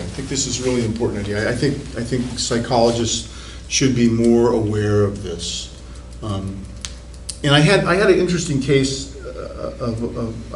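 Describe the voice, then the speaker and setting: A man's voice: medium pitch, darkish tone. A male psychology professor giving a conversational classroom lecture, rambling with restarts and repeated words. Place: university classroom. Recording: echoey classroom, recorded from a distance, faint room hiss.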